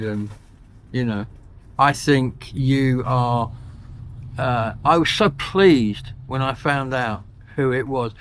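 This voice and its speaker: A man hosting a casual interview with effusive, bantering chat. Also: mid-range voice. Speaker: interviewer, show host.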